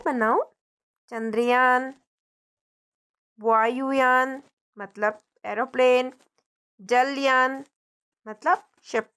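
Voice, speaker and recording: High-voiced woman teaching young children. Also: fairly bright tone, clear, resonant tone. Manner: explains in simple Hindi mixed with English words; friendly, asks the children questions as she goes. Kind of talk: textbook lesson for young children.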